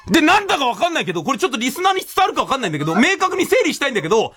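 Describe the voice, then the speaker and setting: High, lively man ranting in laughter. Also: very fast, slight background noise. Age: 40s. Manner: laughing mock-indignant rant. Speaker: storyteller hosting a listener show. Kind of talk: casual chat.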